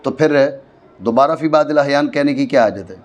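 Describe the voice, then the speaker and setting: This medium-pitched male voice carries a Pakistani Urdu accent. He's giving a grammar lesson in a madrasa classroom, moving slowly and stopping often to make sure the students keep up.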